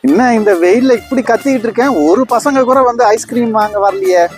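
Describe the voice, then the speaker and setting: A woman's voice: fairly high pitch, fairly quick, close to an everyday voice. Woman playing a stingy ice cream man. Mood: hawking. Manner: loud hawking calls. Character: pushy stingy male ice cream vendor.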